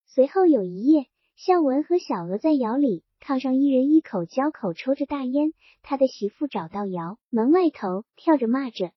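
A woman narrating a novel as an audiobook, giving the characters' dialogue its own loudness and drive. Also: high-pitched, slightly rough, no echo. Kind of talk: storytelling audiobook reading. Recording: muffled dry recording.

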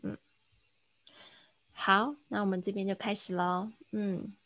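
A woman's voice: mid-range voice, flat delivery, slow, fairly bright tone, no room sound. A woman teaching an online English lesson, patiently coaching a student's pronunciation over a video call. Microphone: computer mic on a video call.

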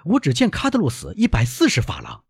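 A man's voice: medium pitch, wildly swooping pitch, moderate pace, darkish tone, husky, no room sound, clean studio sound, pitched above the performer's own voice, exaggerated voice. Man voicing an eager young sailor son. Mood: dismayed. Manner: pleading, emphatic. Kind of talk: audiobook reading.

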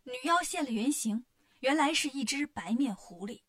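A woman narrating a classic storybook tale for children in a lively, expressive way. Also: high voice, normal speed.

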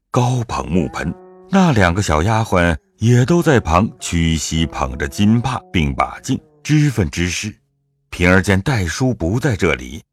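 A deep, husky male narrator telling a classical tale in an audio drama. His voice rises and falls with expression, and soft music plays beneath it. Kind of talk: scripted storytelling narration.

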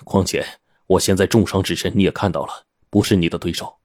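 Brief: man voicing an injured, calculating man, hushed and coaxing, deep tone. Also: steady tone, quick pace, dry recording, studio quality, lightly acted. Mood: persuasive. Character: wounded, scheming middle-aged man.

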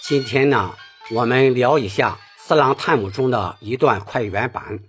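A man's voice: mid-range voice, unhurried, a bit bright, faint music behind. A man giving a Peking opera singing lesson, patiently explaining each phrase and demonstrating it.

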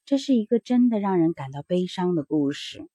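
A woman narrating a children's bedtime story in a gentle, expressive storytelling manner. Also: on the low side, fairly quick, husky, dry recording.

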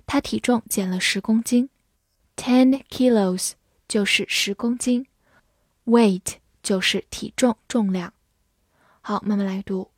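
A woman teaching English vocabulary, spelling words letter by letter and reading example sentences slowly. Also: medium pitch, a little mellow, no echo, studio quality.

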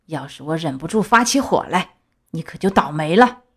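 Storybook role: woman voicing a low, grumbling, suspicious middle-aged man. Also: lively intonation, normal speed, fairly bright tone, slightly rough, full character voice. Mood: scolding. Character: gruff grumbling middle-aged male donkey buyer.

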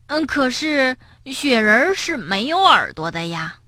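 A woman voicing a cheerful, feisty young male frog in a children's storybook, with lively exclamations. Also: high-pitched, a little slow, dry recording, clean studio sound, pitched above the performer's own voice, full character voice. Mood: indignant.

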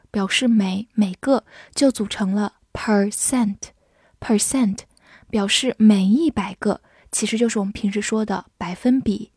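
Mellow woman teaching English words. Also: mid-range voice, slightly rough, dry recording, clean studio sound. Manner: spells words letter by letter, reads examples slowly. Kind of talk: vocabulary lesson with slow read-alongs.

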